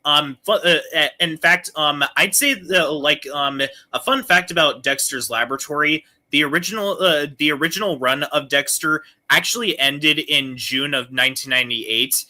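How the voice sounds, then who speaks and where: Bright-voiced man chatting about cartoons. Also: on the high side. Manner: halting, full of ums and restarts. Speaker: podcast co-host. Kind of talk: casual cartoon podcast chat.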